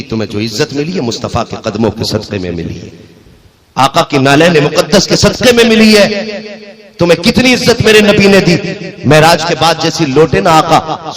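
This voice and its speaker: A man preaching a devotional sermon, his voice climbing into high ringing calls and then sinking to a hushed storytelling tone. He chants lines of verse between the telling. The sound of a gathered crowd carries behind him.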